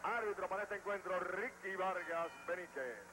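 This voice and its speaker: A man's voice: high voice, moderate pace. A man commentating as a lucha libre announcer, calling each move emphatically, on an old degraded TV tape. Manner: emphatic, running blow-by-blow calls. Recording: noisy, degraded 1980s TV tape.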